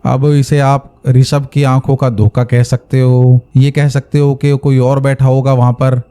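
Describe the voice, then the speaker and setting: Brief: a male horror storyteller, chatty and conversational, talking straight to listeners at a mid pitch with a warm, mellow tone. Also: level tone, unhurried, clear, resonant tone. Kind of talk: spoken ghost story narration.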